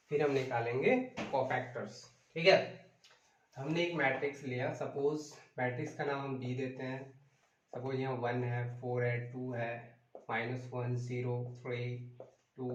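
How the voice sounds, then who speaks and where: A man's voice: mid-range voice, reverberant, dull audio. A man teaching a math lesson, calling out sums, asking the class questions and mixing English into Hindi.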